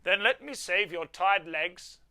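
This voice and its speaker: A storyteller voicing a kindly, generous old Santa from a children's storybook, slow, hearty and deliberate. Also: medium pitch, expressive, bright, forceful tone.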